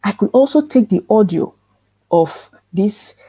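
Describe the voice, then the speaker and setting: Over a computer mic in a live webinar, a calm woman coaches authors in an online workshop lecture. Her soft, mellow, breathy voice sits mid-range and unhurried without echo, and she teaches earnestly, repeating points and posing rhetorical questions.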